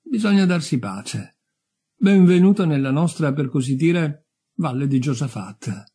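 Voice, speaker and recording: A man voicing a pompous elderly general who speaks in a slow, condescending way. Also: lively intonation, mellow, husky. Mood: patronizing. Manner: measured, condescending, low. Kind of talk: audiobook character voice.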